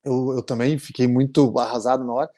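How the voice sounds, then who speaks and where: Earnest Brazilian man, halting storyteller. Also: medium pitch, flat delivery, mellow. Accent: Brazilian Portuguese. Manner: halting, many restarts, earnest. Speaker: interviewee, immigration client. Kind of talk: emotional conversational storytelling.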